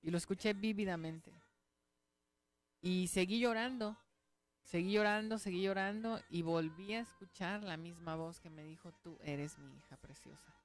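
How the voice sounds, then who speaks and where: A woman's voice: medium pitch, moderate pace. A woman pastor, giving a conversational radio sermon and testimony, earnest, often checking in with her listeners.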